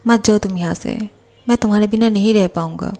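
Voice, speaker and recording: A woman's voice: mid-range voice, fairly quick, dark tone, lightly acted. A woman voicing a young man, a jealous boss who pleads with his lover and apologizes, read in a plain storytelling voice. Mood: pleading.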